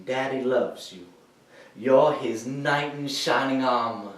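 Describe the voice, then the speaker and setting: A teenager or young adult competing in high school dramatic interpretation delivers a sorrowful theatrical monologue as a troubled, grieving war veteran, halting and emphatic as he swings between hushed and loud. His medium-pitched voice stays close to everyday speech, captured from far off in an echoey indoor room.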